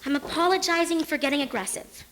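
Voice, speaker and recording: A woman's voice: sits high, fairly bright tone, in a large hall, slight background noise. An actress playing an earnest young woman in a support group who keeps apologizing, also singing. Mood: fretful. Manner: apologetic, quick self-correcting. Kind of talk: musical theatre singing and acting.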